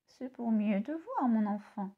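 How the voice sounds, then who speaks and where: A woman's voice: on the high side, big pitch swings, narrow, tinny audio. A woman voicing a sly male wolf who fakes a sweet, sing-song voice and drags out his replies, in a children's storybook reading. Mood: drawling. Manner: sing-song disguised voice, drawn-out slow replies.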